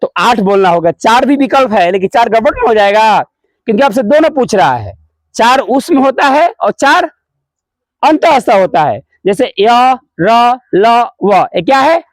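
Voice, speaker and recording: With a very high, sing-song voice and a slightly slow pace, a man teaches at a school prayer assembly, recorded with no echo. He runs call-and-response, repeats key words, poses and answers questions himself, blends in English phrases, and calls the pupils "babu."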